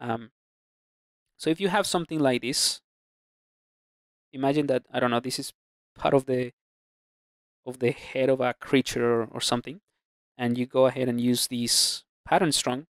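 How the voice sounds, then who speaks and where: A man narrating a screen-recorded 3D sculpting tutorial, talking through his brushes in a relaxed way with plenty of fillers and restarts. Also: mid-range voice, moderate pace, long pauses, no echo, studio quality. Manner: relaxed, thinking aloud with many fillers and restarts. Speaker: ZBrush instructor. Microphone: close mic, voice-over on screen capture.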